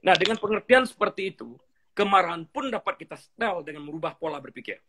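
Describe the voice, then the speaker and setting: A man's voice: high-pitched, lively intonation, quick pace, background noise. A middle-aged man, a pastor, teaching in conversation, telling stories animatedly and acting out dialogues, with English phrases mixed in.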